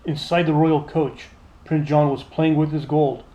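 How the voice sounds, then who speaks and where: A man reads a children's storybook aloud in an expressive, scripted style. His pitch is fairly high, his pace a little slow, and the sound lo-fi.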